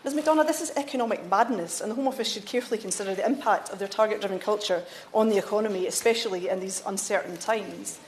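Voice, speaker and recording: A woman's voice: medium pitch, fast, few pauses, roomy sound, slight background noise. A woman member of parliament giving an earnest, insistent debate speech, with stumbles and self-corrections. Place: debating chamber.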